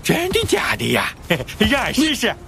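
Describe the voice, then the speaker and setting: A man's voice: high voice, huge pitch swings, a little slow, heavily acted. A man voicing a childish, stubborn cartoon bear who whines and pleads. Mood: pleading, eager. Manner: whining, pleading, simple-minded. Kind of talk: animated cartoon acting. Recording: clear music over the voice.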